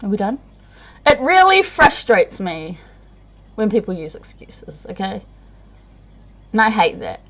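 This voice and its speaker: Slow-talking tired woman vlogger. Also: mid-range voice, very animated, a bit bright. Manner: rambling, self-deprecating, laughs often. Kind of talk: casual chat to camera.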